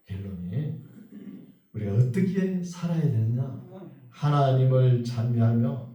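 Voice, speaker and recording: A male pastor giving a sermon in a church sanctuary. He reads scripture slowly, then speaks in a conversational, joking way. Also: medium pitch, dark tone. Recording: very echoey hall, voice from far off.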